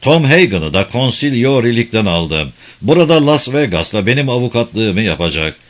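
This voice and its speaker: A man reading the lines of a cold, calm young mafia boss in a measured way. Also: mid-range voice, natural voice. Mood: calm, firm.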